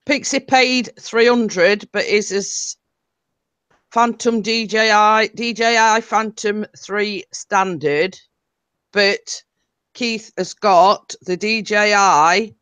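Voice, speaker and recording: A woman's voice: medium pitch, steady tone, takes it slowly, fairly bright tone, smooth. A woman co-hosting a casual live stream, chatty and reading out viewer comments.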